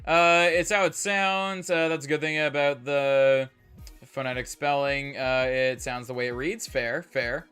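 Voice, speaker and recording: Young canadian guy streaming, mostly american accent, bright crisp voice, faint game music behind. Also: mid-range voice, steady tone, measured pace. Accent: mostly General American, slight Canadian. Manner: rambling, lots of "like" and "uh" fillers, hums while playing. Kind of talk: casual live-stream chat.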